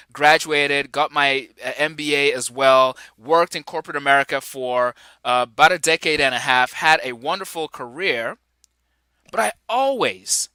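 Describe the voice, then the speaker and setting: This podcast host, a Nigerian man in his forties, has a fairly high, pushed and bright voice captured in a dry recording. He delivers an upbeat solo intro with enthusiasm, chuckling as he goes.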